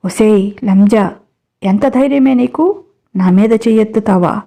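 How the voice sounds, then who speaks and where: A woman's voice: medium pitch, unhurried, close to an everyday voice. A woman voicing an abusive husband who threatens his wife. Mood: threatening. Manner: threatening, shouting. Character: bullying abusive husband, adult man.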